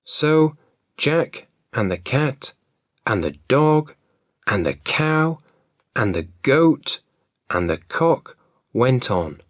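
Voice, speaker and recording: Guy reading a fairy tale for learners, really slow, dull lo-fi. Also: mid-range voice, sing-song, no room sound. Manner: clear, deliberate. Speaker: reader.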